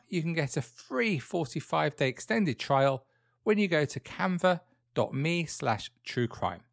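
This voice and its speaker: A man's voice: fairly high pitch, gravelly, no echo, clean studio sound. A British man hosting a true crime podcast, narrating from a script in a conversational way with dryly wry asides. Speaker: podcast host.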